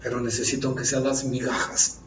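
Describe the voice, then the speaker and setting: A man's voice: medium pitch, level tone, a little fast, noisy background, pitched below the performer's own voice, lightly acted. A man preaching, voicing a humble mother who begs for help for her afflicted daughter, in a roomy, distant, dull recording. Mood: begging. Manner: begging, humble. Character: anguished foreign mother begging for her daughter.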